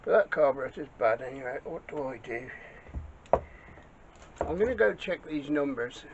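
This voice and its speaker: Gravelly man muttering in workshop. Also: mid-range voice, animated, moderate pace. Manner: muttering to himself while working. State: out of breath. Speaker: small engine repairer. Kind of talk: casual workshop commentary. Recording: dull lo-fi audio with clear background noise.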